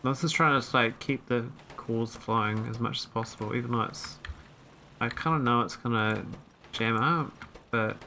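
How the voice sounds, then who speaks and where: A gameplay streamer casually commentates his own let's-play into a desk microphone, thinking aloud and rambling with fillers. His mid-range voice has a sharp tone and normal speed, with slight background noise.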